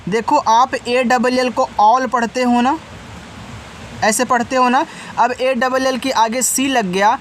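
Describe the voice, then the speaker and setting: A high-voiced man, recorded with a little hiss or hum, teaches English spelling online. Speaking straight to his students, he patiently sounds out each word letter by letter, explains its meaning, and corrects his own slips.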